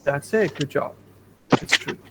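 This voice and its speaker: A man's voice: measured pace, pushed and bright, slight background noise, poor audio. A man teaching a science lesson to a primary school class over an online video call, patient, repeating points and asking the class questions. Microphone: computer mic on video call.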